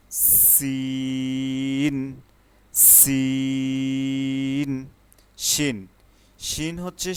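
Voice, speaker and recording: A man teaching the Arabic letters in an online lesson, explaining each one patiently and then calling it out loudly and drawn out. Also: mid-range voice.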